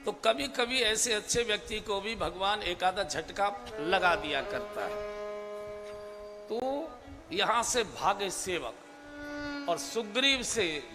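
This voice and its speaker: A man giving a devotional scripture discourse as a spiritual preacher, measured and emphatic, drawing out key phrases. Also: high voice, sing-song. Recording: long hall reverb with instrumental music behind.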